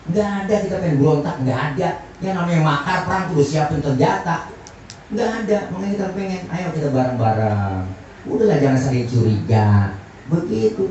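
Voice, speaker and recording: A man preaching a humorous sermon to a crowd, teasing listeners with quick jokes and asides. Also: fairly high pitch, darkish tone, a little hiss or hum. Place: outdoor community gathering. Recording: distant, echoey, muffled crowd recording.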